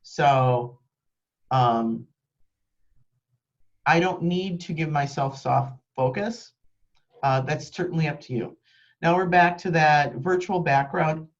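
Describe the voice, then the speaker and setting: This woman's voice is low-pitched, and she takes her time, leaving long pauses while leading a live video-call training. She works from a home office with a green screen, explains practically, and uses frequent ums. The webcam microphone makes the recording muffled.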